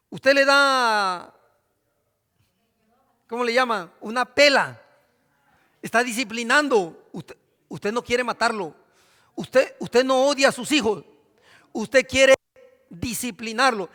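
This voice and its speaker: Male pastor, high bright voice, preaching in a church, long hall reverb. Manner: preaching, asks the congregation questions. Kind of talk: sermon.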